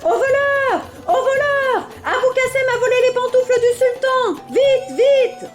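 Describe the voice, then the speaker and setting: A woman shouting as frantic palace guards. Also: a little slow, faint music behind. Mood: alarmed. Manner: shrill frantic cries.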